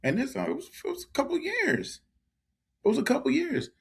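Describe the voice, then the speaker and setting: A man's voice: very high-pitched, wildly swooping pitch, brisk, vocal fry, crowd noise. A man co-hosting a casual podcast chat, giving blunt, emphatic opinions and repeating his points. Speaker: podcast co-host.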